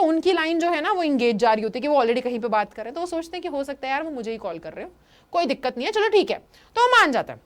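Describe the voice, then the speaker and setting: A young woman teacher explaining a story chapter in mixed Hindi and English, reading English lines slowly and then retelling them quickly. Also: high-pitched.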